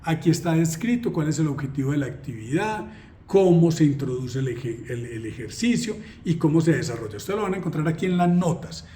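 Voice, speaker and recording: A man's voice: fairly high pitch, animated, a little fast, warm tone. A man explaining a training unit in a conversational way, full of rhetorical questions and self-deprecating asides. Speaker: trainer presenting a course unit. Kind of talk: explanatory lesson walkthrough.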